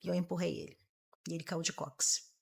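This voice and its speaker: A woman, a massage therapist and mother, telling her painful story as a podcast guest, earnest and halting, often repeating her words. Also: fairly low pitch, level tone, creaky, darkish tone, breathy edge. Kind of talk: emotional personal testimony.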